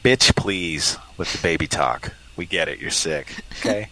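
A man's voice: low voice, unhurried, bright, forceful tone, a little hiss or hum, poor audio. A man hosting a live call-in show, chatting casually with sarcastic, joking asides and rambling comments between calls. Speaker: host.

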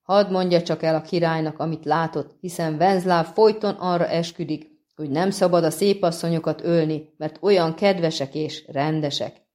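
A woman's voice: sits low, fairly even intonation, darkish tone, lightly acted. A woman voicing a coarse, leering male bandit leader with crude, sneering talk.

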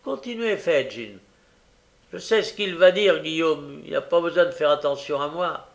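A male audiobook reader voicing a bold, defiant young woman thief in a raised, loud voice. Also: a little high, lively intonation, normal speed, gravelly, voice pushed up. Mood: cool, scornful. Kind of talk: audiobook character reading.

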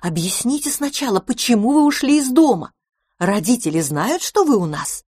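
A woman's voice: fairly high pitch, big pitch swings, moderate pace, darkish tone, breathy edge, dry recording, studio quality, voice pushed up. A woman voicing a caring, flustered mother mouse. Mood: fretful. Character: kind, fussy mother mouse.

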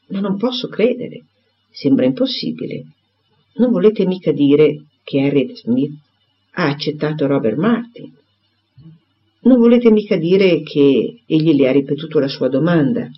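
Spirited young gentlewoman as a man puts her on, raised husky voice, quick exclaiming questions, dull lo-fi audiobook sound. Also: a little high, lively intonation. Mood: flustered. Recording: dull lo-fi recording.

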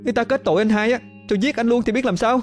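Tearful young village woman, put on by a man, high strained voice, pleading, storybook reading. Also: rapid-fire, soft background music. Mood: frantic shouting. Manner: high strained crying pleas.

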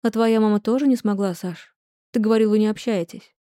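Brief: woman voicing a soft, gentle young mother, mellow dark tone, dry sound. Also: medium pitch, brisk, clear, resonant tone, no room sound, natural voice.

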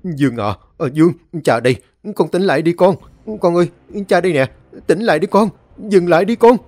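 A man's voice: high voice, fairly quick, a little mellow, voice pushed up. A man voicing an old father who desperately begs his son to come to his senses. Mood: desperate pleading. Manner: urgent, rising pleas.

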